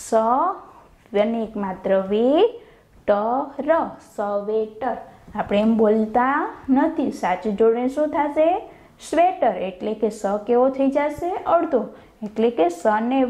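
A woman's voice: fairly high pitch, lively intonation, unhurried, dark tone, roomy sound, low-quality recording. A woman teacher with a Gujarati accent giving a lesson to young children, asking questions and answering them herself, drawing out the answer words in dictation. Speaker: primary school teacher.

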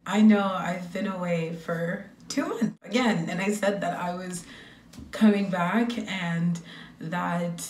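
A woman's voice: on the low side, slow pace, distant mic, slight background noise. Blunt young woman ranting in an echoey room. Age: young adult. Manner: blunt, laughing, animated ranting. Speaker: YouTuber. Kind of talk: casual rant video.

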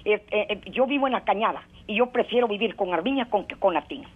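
A woman's voice: mid-range voice, animated, fast talker, a little hiss or hum. A woman from Costa Rica calling in to a TV show, hesitant with many fillers. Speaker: caller. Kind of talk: call-in comment. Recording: tinny phone line.

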